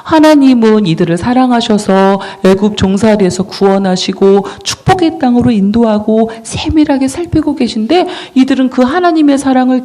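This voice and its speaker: Lively children's sermon storyteller. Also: medium pitch. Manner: storytelling, asks the children questions. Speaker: children's ministry preacher.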